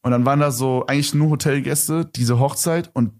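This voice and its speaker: A young man, a podcast host, spinning a story in a loose, rambling way, stuffed with slang and fillers. His voice sits at an ordinary pitch. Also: fairly even intonation, a little fast, darkish tone. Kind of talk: casual storytelling chat.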